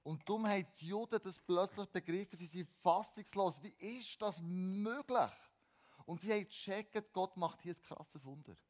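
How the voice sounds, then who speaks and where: A man preaching a sermon, animated, with repeated words and restarted phrases, swinging between emphatic lines and quiet ones. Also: high voice, a little fast, hardly any pauses.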